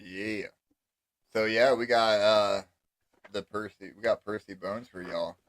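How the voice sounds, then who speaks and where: A man's voice: lowish voice, fairly even intonation, a little slow. A young man hosting a casual podcast, laid-back and enthusiastic. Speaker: host.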